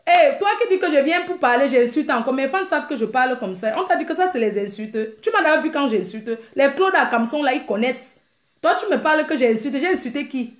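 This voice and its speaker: Brash, teasing female stream host with a high voice, recorded in an echoey room. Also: fast talker. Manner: brash, teasing, laughs often; animated, mimics crying sounds. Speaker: live-stream host answering viewers. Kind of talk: casual live-stream chat.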